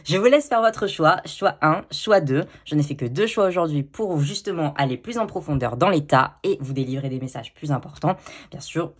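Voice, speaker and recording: Husky-voiced woman doing a tarot reading. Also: deep voice, lively intonation, normal speed. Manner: chatty, with frequent fillers and self-corrections. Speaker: tarot reader. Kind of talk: casual card-reading video.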